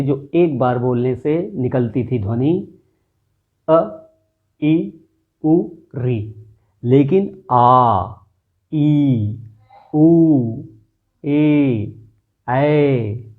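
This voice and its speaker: A man teaching a classroom lesson at an unhurried, deliberate pace, stretching out each sound he demonstrates. His voice sits at an ordinary middle pitch. The audio is thin and tinny, much like a phone line. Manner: slow, drawn-out demonstration of vowel sounds.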